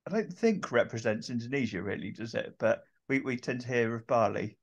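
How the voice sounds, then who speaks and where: A middle-aged man hosting an interview from home over a video call, talking hesitantly with many pauses and restarts. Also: mid-range voice, expressive. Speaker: host. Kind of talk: casual interview chat. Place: home room with shelves. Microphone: video call webcam.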